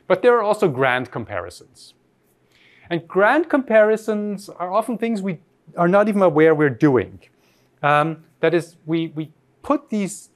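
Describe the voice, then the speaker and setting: A man from Austria giving an academic lecture, reflective and posing rhetorical questions to his audience. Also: a little high.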